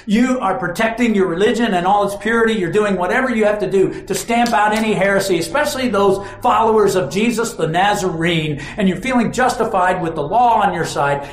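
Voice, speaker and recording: High-voiced male preacher in an echoey room. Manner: dramatic storytelling, acting out quoted lines. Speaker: pastor. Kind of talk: sermon. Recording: roomy echo.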